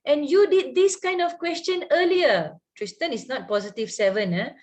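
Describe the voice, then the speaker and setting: Casting: female maths teacher, Malaysian accent, slightly high pitch, colloquial step-by-step lesson delivery with check questions. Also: normal speed, darkish tone, highs cut off. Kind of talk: live lesson, explaining step by step.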